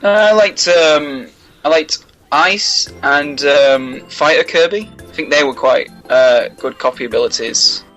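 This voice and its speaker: A man's voice: on the high side, a little slow, fairly bright tone, soft background music, poor audio. A British man co-hosting a fan Q&A, reading out questions and adding short, dry quips. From Britain. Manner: dry, brief interjections, reads questions out. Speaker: co-host of a fan series Q&A. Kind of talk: casual Q&A chat.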